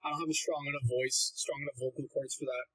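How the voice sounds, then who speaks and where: Here a young man talks quickly in a steady, fairly bright, medium-pitched voice over a rough recording. Running a casual livestream Q&A, he reads viewers' questions out and gives blunt, rambling answers packed with "like" fillers.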